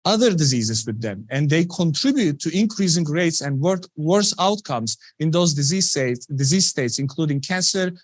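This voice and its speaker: A man in his thirties from Turkey, giving an earnest public science talk in a conversational way, filling pauses with "you know". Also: fairly high pitch, no echo. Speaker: scientist presenting research.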